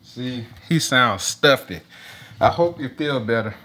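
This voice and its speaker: A woman filming a casual family vlog, chatty and quick to laugh. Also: very deep voice, expressive, fairly bright tone. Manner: laughs often, informal Southern-style slang. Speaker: vlogger.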